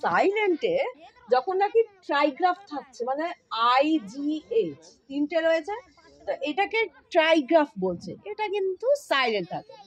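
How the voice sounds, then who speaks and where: A woman's voice: sits high, very animated, normal speed. A woman teaching English pronunciation, explaining informally and spelling out letters to her students. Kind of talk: spoken English lesson.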